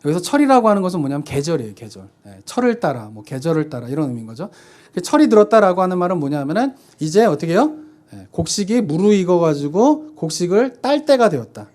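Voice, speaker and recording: A man's voice: high voice, big pitch swings, fast, a little mellow. A man in his thirties preaching a sermon in a conversational way, often posing rhetorical questions and answering them himself. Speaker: pastor. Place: church sanctuary.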